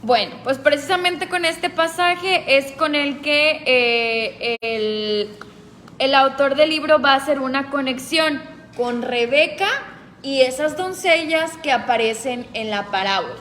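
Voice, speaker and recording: A woman leads a group Bible study in a calm, explanatory way, putting questions to her listeners. Her voice sits high and her pace is slow and deliberate. A long reverb and faint background noise hang around her words.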